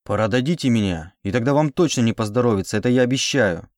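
A man voicing a sharp-tongued captive young woman. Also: medium pitch, expressive, fast talker, dry recording, clean studio sound, close to an everyday voice. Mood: sarcastic. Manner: pleading and sarcastic.

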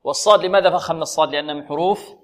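A middle-aged man with a slightly high voice teaches Quran recitation, patiently quizzing his students and drilling single letter sounds over and over for them to repeat. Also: rapid-fire. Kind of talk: tajweed lesson with call-and-repeat drills.

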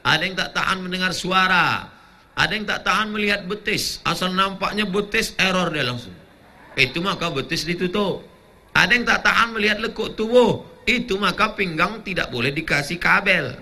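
A man preaching a humorous sermon, joking with the crowd and breaking into chanted prayers and shouts. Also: high voice, normal speed. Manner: animated, jokey, breaks into chanted Arabic and shouts.

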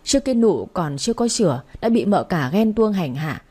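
A woman's voice: medium pitch, big pitch swings, normal speed, mellow, breathy edge. Woman doing a weepy young servant girl. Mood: whining. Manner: whiny and pleading. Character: tearful pleading young pregnant servant woman. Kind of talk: storybook character voice.

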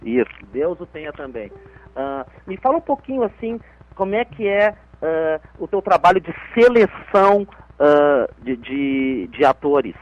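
A man's voice: a little high, big pitch swings, a little slow, muffled recording. A man from Piauí with a gaúcho accent, interviewing a guest on the radio with many hesitant restarts. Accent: gaúcho Brazilian Portuguese. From Piauí, Brazil. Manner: hesitant, full of restarts and fillers.

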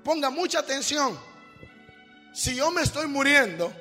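High-voiced preacher in a reverberant hall. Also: male voice, big pitch swings, a little slow. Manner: addresses listeners as brother, swells to shouting. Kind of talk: sermon. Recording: long hall reverb with faint music.

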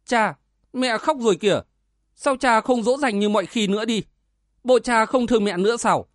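A man's voice: high-pitched, normal speed, dry recording, studio quality, pitched above the performer's own voice, natural voice. A man reading aloud as an innocent small boy who asks naive questions. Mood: puzzled. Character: innocent small boy, wide-eyed and obedient.

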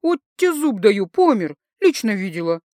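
A woman voicing a tipsy, bold young woman who teases loudly and slurs her words. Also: sing-song, moderate pace, dry recording, studio quality, natural voice. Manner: slurred, giggly, high-pitched chatter.

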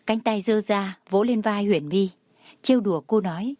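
A woman reads a novel aloud at an even storytelling pace, her voice mid-pitched. The sound is close and dry, with no room echo. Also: normal speed. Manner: steady storytelling. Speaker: narrator. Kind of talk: scripted audio-novel narration.

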